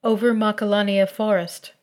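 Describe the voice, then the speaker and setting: A woman voicing a terse, brooding male guardian in armor who speaks in short, flat replies. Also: medium pitch, normal speed, close to an everyday voice.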